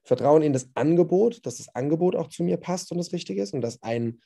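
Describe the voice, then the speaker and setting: A man's voice: a little high, animated, brisk, gravelly, mellow, slightly rough. A man who works as a business coach, talking casually in a podcast chat in a blunt, emphatic and colloquial way.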